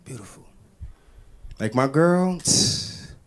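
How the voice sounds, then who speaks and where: A man from the Bronx, doing a stand-up set in an animated, exclamatory way full of street slang. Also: fairly high pitch, normal speed. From the Bronx, New York. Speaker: stand-up comedian. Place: stage before a live audience. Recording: live stage with audience laughter.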